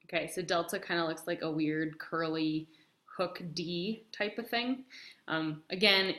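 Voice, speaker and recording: A woman's voice: fairly low pitch, steady tone, a little slow, fairly bright tone, a little hiss or hum. A young woman teaching a casual math lesson, chatty and full of ums, with the hiccups. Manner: chatty, many ums, talks to herself while writing. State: has the hiccups. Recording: echoey room.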